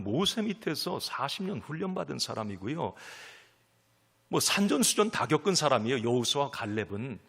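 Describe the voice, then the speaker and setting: A man preaching a sermon as pastor, emphatic, swinging from loud calls to near whispers, in a church sanctuary. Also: a little high, breathy edge, big-room sound.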